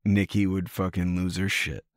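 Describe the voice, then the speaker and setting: A man's voice: deep voice, little pitch movement, normal speed, dry recording, studio quality. A man co-hosting a podcast in casual chat, teasing his co-host and often repeating words as he restarts.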